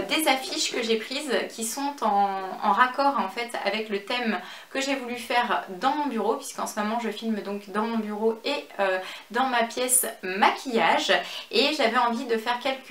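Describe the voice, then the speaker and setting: A French woman chatting through a fashion and beauty haul at home, with many fillers and a slow pace over each item. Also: on the high side, fairly bright tone. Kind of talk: casual haul vlog. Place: home office and makeup room. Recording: echoey room, faint background noise.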